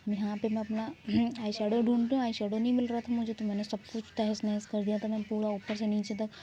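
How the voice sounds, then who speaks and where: Speaking fast with a warm tone, this young female vlogger keeps her medium pitch fairly flat as she rambles through a casual, self-deprecating voice-over. Faint noise sits under the dull, lo-fi audio.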